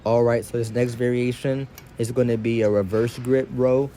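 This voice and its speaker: A man's voice: medium pitch, level tone, normal speed, dark tone, slight background noise. A man giving a casual, slangy exercise tutorial as a fitness instructor, his speech slightly impeded by dental braces.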